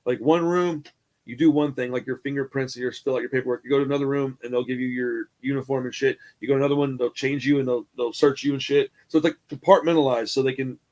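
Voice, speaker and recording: A man's voice: medium pitch, fast talker. A man telling a rambling jail story on a casual hangout show, swearing freely and acting out the people in it. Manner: animated, profane, acts out the people in his stories. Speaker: podcast co-host.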